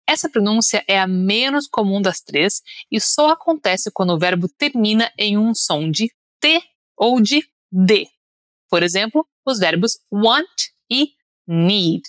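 A woman's voice: medium pitch, a bit bright, no echo, clean studio sound. A young woman from Brazil with a Brazilian Portuguese accent, an upbeat pronunciation teacher on a podcast, leading listeners through drills. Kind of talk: podcast lesson.

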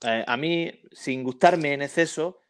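A man's voice: on the high side, unhurried, smooth. A man co-hosting a casual football chat, telling anecdotes and often tagging his sentences with questions. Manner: chatty storyteller, frequent tag questions. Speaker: podcast co-host.

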